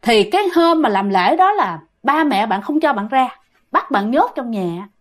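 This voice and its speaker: A woman's voice: fairly high pitch, very animated, normal speed. Chatty Southern Vietnamese woman storyteller. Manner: chatty, keeps addressing listeners. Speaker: ghost story teller. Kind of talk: casual storytelling.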